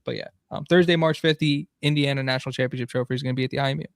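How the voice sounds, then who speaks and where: A man's voice: medium pitch, fairly even intonation, rapid-fire, clean tone, no echo, studio quality. A man co-hosting a casual sports podcast, talking in a chatty, rambling way with many fillers. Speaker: podcast co-host.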